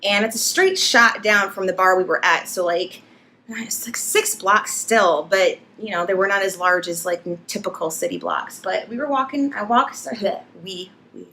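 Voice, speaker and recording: A young woman vlogger telling an embarrassing story to camera, animated and laughing as she acts it out. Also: mid-range voice, normal speed, a little hiss or hum.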